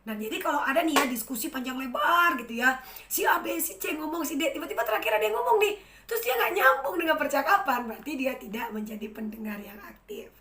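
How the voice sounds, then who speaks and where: A woman in her thirties, a university lecturer, giving a chatty, lively lecture straight to the camera in an empty room. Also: high-pitched, quick pace, reverberant. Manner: lively, chatty, addresses students directly. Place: room without an audience.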